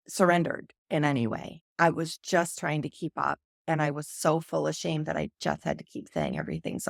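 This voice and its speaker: A woman with a lowish, gravelly voice speaks earnestly and openly in long flowing runs. She is a podcast guest telling her own story in a close, dry sound. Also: no room sound. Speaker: podcast guest, sober coach. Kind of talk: candid personal storytelling in a podcast conversation.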